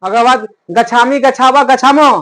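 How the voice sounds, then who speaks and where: A man's voice: very high-pitched, fairly even intonation, normal speed, fairly bright tone. A man teaching a Sanskrit grammar lesson in plain, rustic talk. He keeps asking a question and then answering it himself as a drill. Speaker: Sanskrit tutor.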